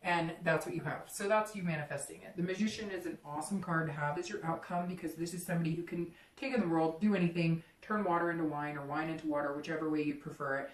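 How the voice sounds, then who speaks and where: A woman's voice: sits low, steady tone, quick pace, hardly any pauses, roomy sound, far from the mic, rough recording. A woman giving a chatty, rambling tarot reading, full of fillers and restarts. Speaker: tarot reader.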